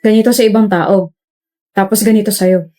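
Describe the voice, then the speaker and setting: A woman's voice: mid-range voice, steady tone, normal speed, mellow, close to an everyday voice. A young woman playing a reserved young male college student who speaks bluntly and matter-of-factly in a skit. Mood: calm. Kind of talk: skit role-play.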